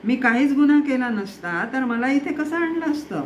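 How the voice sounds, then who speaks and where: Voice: sits high, expressive, normal speed, slight background noise, voice pushed up. Narrator voicing bold monkey messenger, defiant. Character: devoted monkey messenger, brave and clever. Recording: dull lo-fi recording.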